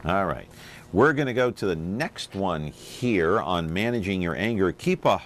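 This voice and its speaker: Lively low-voiced male talk host. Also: unhurried. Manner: conversational, hesitant with fillers, questioning. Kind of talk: casual studio chat.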